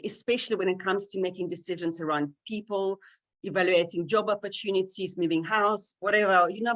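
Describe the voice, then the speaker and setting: Woman on stage at an event, motivational talk, earnest and lively, talks right to the crowd. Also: mid-range voice. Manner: earnest, animated, addresses the audience directly. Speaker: conference speaker.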